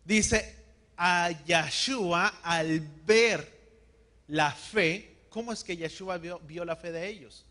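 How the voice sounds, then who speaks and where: Guy preaching a sermon, kinda high voice, drags out the big words, has everyone repeat after him. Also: sharp tone. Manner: call-and-response, has the congregation repeat words; slows and stresses key words. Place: church hall.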